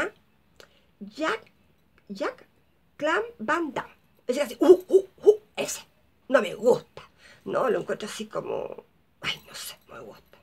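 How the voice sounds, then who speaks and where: A Chilean woman in her fifties talks through her favorite films in a loose, wandering vlog. Her voice sits high and has a breathy, husky edge. She rambles and keeps losing her train of thought. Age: 50s. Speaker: vlogger. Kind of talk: casual movie recommendations to camera.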